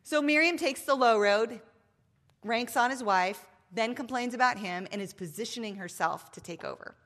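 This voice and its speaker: At a moderate pace and with a slightly high, fairly bright voice, a woman in her fifties presents a faith talk at a women's event, microphone in hand. She's emphatic and playful with plenty of asides, and the room is a large hall with long reverb.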